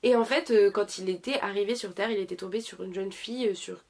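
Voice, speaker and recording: A young woman talks casually to her viewers while sick, pausing often to search for words. Her voice sits at an ordinary pitch but carries a gravelly, creaky fry. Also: darkish tone. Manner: hesitant, many fillers and restarts. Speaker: YouTuber reviewing dramas. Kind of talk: casual chat.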